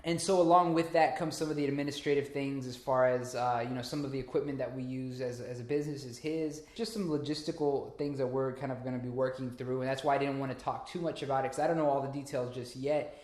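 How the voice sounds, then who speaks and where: A man's voice: medium pitch, fairly even intonation, fast, few pauses, a little mellow. A man talking casually to camera as a vlogger, rambling with fillers and restarts. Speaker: vlogger and small business owner. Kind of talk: casual vlog talk to camera. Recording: roomy echo.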